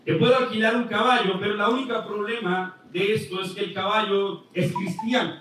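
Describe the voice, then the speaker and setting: A man's voice: high voice, fairly even intonation, a little fast, natural voice. A man voicing an obliging male horse renter who explains matter-of-factly during a joke. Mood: apologetic. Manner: apologetic, matter-of-fact. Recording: echoey hall, distant mic, faint noise.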